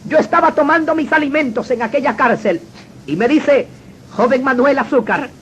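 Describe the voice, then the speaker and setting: A man's voice: extremely high pitch, moderate pace. A man telling his personal testimony in an earnest, dramatic storytelling manner. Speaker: testimony speaker. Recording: dull lo-fi recording with faint noise.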